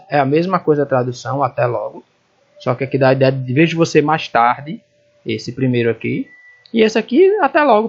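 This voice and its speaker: A man with a Brazilian Portuguese accent teaching an English lesson, explaining slowly and repeating phrases as he checks that the students follow. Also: mid-range voice, dull audio. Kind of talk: recorded classroom lesson.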